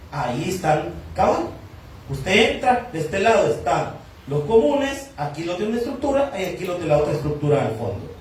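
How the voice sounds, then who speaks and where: A man's voice: high voice, a little mellow, slight background noise. A man, preaching a sermon and telling a personal story, acting out the dialogue with voices. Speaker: pastor. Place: church hall. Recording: echoey hall, distant from mic.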